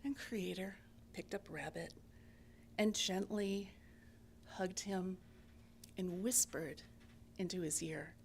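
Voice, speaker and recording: A middle-aged woman telling a parable as a church speaker, in a gentle, homely storytelling manner. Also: lowish voice, steady tone, slow pace, creaky, pauses often, a little hiss or hum.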